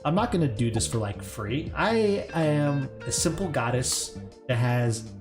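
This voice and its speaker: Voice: mid-range voice, animated, measured pace, over music, pitched below the performer's own voice, lightly acted. A game master voicing a haughty female goddess who drives a hard bargain in a tabletop game, with a drawling, demanding manner.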